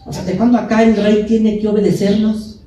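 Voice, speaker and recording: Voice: mid-range voice, little pitch movement, brisk, mellow. Emphatic preacher in an echoey hall. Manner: emphatic, repeats key phrases, rhetorical questions to the congregation. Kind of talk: sermon. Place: church sanctuary. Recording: echoey church hall, mic at a distance.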